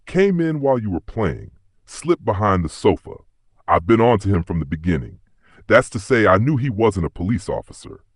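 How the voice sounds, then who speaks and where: Man playing a clipped, brisk police inspector. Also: fairly low pitch, lively intonation, slightly rough, no echo, studio quality, voice pushed up. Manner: clipped, explosive sentences. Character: brisk middle-aged male police inspector.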